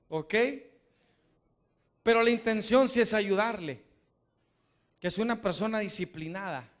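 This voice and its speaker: A middle-aged man preaching a sermon to a live congregation in a church, emphatic, repeating his questions and building up to shouts. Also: high voice, slow pace, pauses often.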